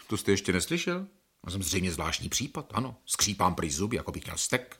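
A jittery male scientist who can't stop smoking, talking in a bright, forceful voice that sits a little low. He is defensive and quick to bristle. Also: sing-song, husky, exaggerated voice. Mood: uneasy. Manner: restless, defensive, quick to flare up. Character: touchy chain-smoking male scientist patient. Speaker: patient. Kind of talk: radio drama acting.

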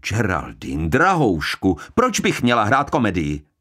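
A man voicing a prim, composed female secretary who speaks calmly and with restraint. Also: fairly low pitch, exaggerated voice. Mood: placating.

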